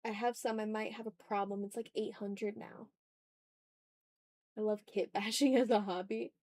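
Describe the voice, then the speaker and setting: At a normal speed, this woman speaks in a steady, medium-pitched voice with a darkish tone. As an art streamer, she draws live while casually chatting with viewers and talking herself through each step.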